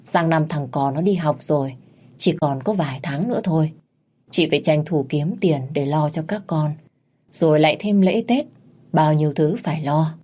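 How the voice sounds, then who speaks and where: A woman narrating an audio story in a calm, steady way. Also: sits low.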